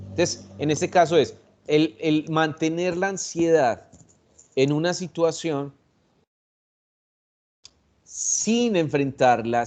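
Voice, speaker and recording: A man with a Colombian accent, a psychologist explaining anxiety in a reflective, measured way, pausing and restarting as he thinks. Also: fairly high pitch, darkish tone. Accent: Colombian Spanish. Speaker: psychologist guest. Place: online video session.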